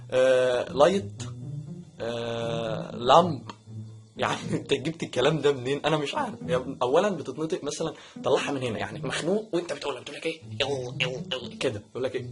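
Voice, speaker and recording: A young Egyptian man with a slightly raised voice talks fast and playfully through an English pronunciation lesson. He jokes as he goes and acts out wrong pronunciations. Clear music plays behind him. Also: on the high side. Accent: Egyptian Arabic. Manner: joking, animated, mimics wrong pronunciations. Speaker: English teacher, channel host. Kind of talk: casual video lesson.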